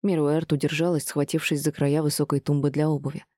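A woman reading a novel aloud in an expressive audiobook narration. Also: low-pitched, a little fast, dry recording, clean studio sound. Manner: expressive, even storytelling.

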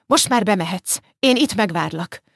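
A woman doing a brisk old village neighbor. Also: mid-range voice, lively intonation, vocal fry, a bit bright, no echo, clean studio sound. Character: helpful older village neighbor man. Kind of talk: audiobook character voice.

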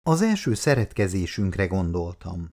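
A man's voice: low voice, very animated, a little mellow. A man reading the lines of an affectionate, teasing middle-aged wife in an audiobook, speaking playfully and tenderly.

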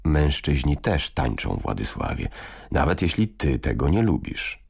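A man voicing a gentle, cheerful medieval queen, fond and chatty with a gentle teasing edge. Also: very deep voice, very animated, a little slow, creaky, breathy edge, full character voice.

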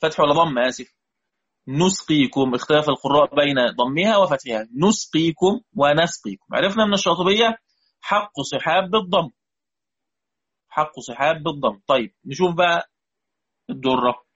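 Man, Egyptian accent, husky voice, dull lo-fi recording, repeats terms and quizzes students. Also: on the high side, fairly quick, long pauses, fairly bright tone. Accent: Egyptian Arabic. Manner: explains patiently, repeats key words, asks students questions. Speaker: Quran recitation teacher. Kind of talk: recorded lesson explaining Quranic readings.

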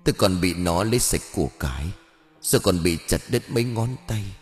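A man voicing the vengeful ghost of a dead male villager with maimed hands, speaking in a low, hushed moan. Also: animated, moderate pace, in a large hall, soft background music. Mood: wailing.

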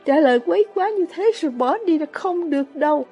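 A woman voicing a shrill, impatient teenage girl in a storybook reading. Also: lively intonation, moderate pace, dark tone, muffled recording, soft background music.

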